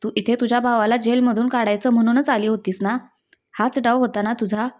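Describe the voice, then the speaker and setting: A fierce young wife hurls accusations in a storybook tale, as a woman reader puts her on. The voice sits a little high and mellow, with a fiery, accusing edge. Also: steady tone, brisk, close to an everyday voice. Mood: angry accusing. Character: distraught young woman defending her husband.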